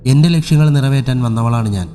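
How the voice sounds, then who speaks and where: A man voicing a vengeful female spirit in a horror audio story, speaking slowly and threateningly. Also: mid-range voice, warm tone, soft background music, lightly acted. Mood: menacing.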